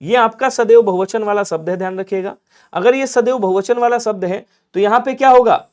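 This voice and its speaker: In a live exam-preparation class online, a high-voiced man goes over Hindi grammar. He keeps repeating his points and gently urges viewers to respond fast.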